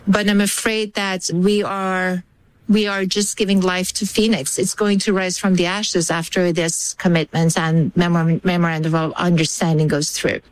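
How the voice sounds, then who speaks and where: An older woman from Iran gives interview answers in a low, smooth, resonant voice. She sounds thoughtful and hesitant and often restarts her phrases. Her delivery stays measured throughout. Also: little pitch movement, rough recording. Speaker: guest analyst.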